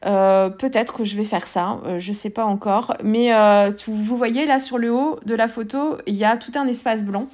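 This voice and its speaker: A woman's voice: on the high side, moderate pace, hardly any pauses, darkish tone. A woman with a French accent talks through her art journaling page in a casual tutorial voice-over, hesitant and full of fillers and restarts.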